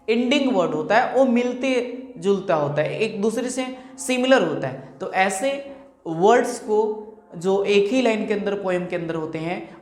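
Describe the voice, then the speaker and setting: A woman's voice: medium pitch, a little mellow. Woman teacher quizzing her class in an echoey room. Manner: explains in Hindi mixed with English terms, asks rhetorical questions then answers them; repeats example words slowly to show stress. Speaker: English teacher. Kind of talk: classroom-style lesson explaining rhyme types.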